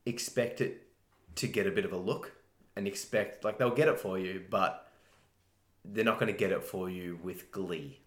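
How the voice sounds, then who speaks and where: Deep-voiced man chatting in an echoey room. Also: moderate pace. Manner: joking, repeats words when starting. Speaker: co-host. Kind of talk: casual chat.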